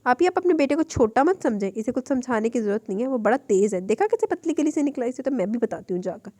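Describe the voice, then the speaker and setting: A woman's voice: a little high, animated, fast, dark tone, dry recording, clean studio sound. A woman reading aloud, voicing a playful, mischievous young woman who chirps and stammers out excuses. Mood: teasing.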